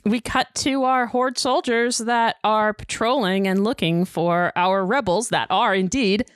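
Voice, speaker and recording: A woman's voice: medium pitch, measured pace, smooth, no room sound, studio quality. A woman co-hosting a podcast, talking casually and playfully about a cartoon episode. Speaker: podcast co-host.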